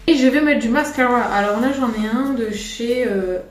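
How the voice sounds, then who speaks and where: A woman's voice: fairly high pitch, moderate pace. Woman from France, casual makeup vlogger; rambling, self-deprecating, roomy sound with faint music. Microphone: camera on a tripod.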